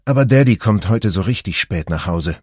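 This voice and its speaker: Male narrator doing a mom in her 40s, easygoing and teasing, low dry storybook voice. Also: expressive, normal speed, husky, dry recording. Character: mother of two boys, woman, 40s, easygoing.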